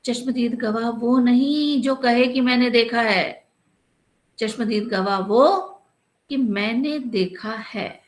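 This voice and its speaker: A woman's voice: a little high, moderate pace, pitched above the performer's own voice, natural voice, poor audio. Woman voicing a bossy scheming police inspector. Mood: lecturing. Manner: scolding, lecturing.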